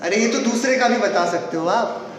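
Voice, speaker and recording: High-voiced man preaching in an echoey hall. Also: normal speed, recorded from a distance, a crowd in the background. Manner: questions the audience playfully, then answers himself. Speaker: Jain preacher. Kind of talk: sermon to a live audience.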